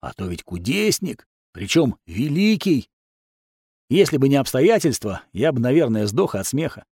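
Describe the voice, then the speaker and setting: A man's voice: medium pitch, a little mellow, husky, no room sound, clean studio sound. A man narrating a first-person fantasy audiobook in a wry, sardonic manner.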